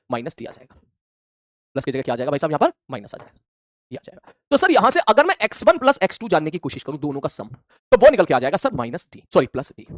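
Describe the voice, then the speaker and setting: During a classroom lecture, a male physics teacher talks fast in a high-pitched voice that rises and falls dramatically. He's animated, acting out imagined student replies as he explains, and the sound is dry and close with no room echo.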